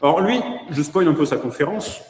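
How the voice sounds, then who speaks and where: A man's voice: fairly high pitch, expressive, brisk, a little mellow. A man with a French accent giving a conference keynote online, hesitant with many fillers and wry asides. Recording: echoey room with long reverb.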